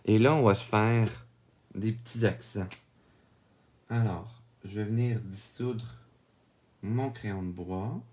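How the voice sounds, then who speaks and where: A man with a Québécois French accent talks through a drawing tutorial in a lowish voice. He takes his time and walks through each step calmly, often checking in with the viewer. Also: slow pace, pauses often. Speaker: drawing instructor.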